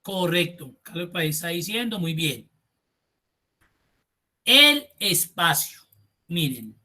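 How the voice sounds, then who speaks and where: A male instructor leads an online class with a bright, clear, forward voice. He walks his students through each step and keeps asking them to look closely. He sounds like he is speaking into a computer mic on a video call. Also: on the high side, expressive, moderate pace. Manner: explains step by step, addresses students directly. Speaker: Excel instructor.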